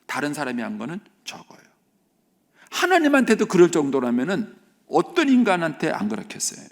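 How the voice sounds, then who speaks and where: A man in his fifties, a senior pastor, preaching an emphatic sermon in a church and rising sharply in pitch when he voices a quoted speaker. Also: wildly swooping pitch, a little fast. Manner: emphatic preaching, voice rising high when quoting the elder son. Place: church sanctuary.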